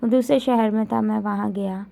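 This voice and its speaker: Female storyteller, gravelly texture, heartfelt first-person narration. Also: mid-range voice, fairly even intonation, moderate pace, mellow.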